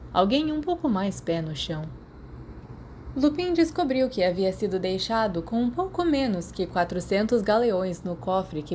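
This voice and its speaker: Her voice is medium in pitch and dark in tone, carrying a Brazilian accent as she narrates a story from a script, audiobook-style. She works as a podfic narrator, and clear background noise is present.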